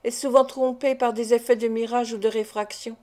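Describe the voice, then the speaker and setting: A woman reads a classic novel aloud at a steady, measured pace. Her voice sits a little high, and its tone is soft and mellow rather than bright. It has the even delivery of an audiobook narrator.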